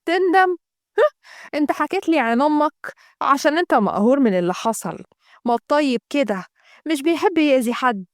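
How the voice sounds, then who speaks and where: A woman's voice: high voice, no echo, clean studio sound. A woman voicing a spiteful, scheming Egyptian mother who eggs on her son. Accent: Egyptian Arabic. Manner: spiteful, scornful.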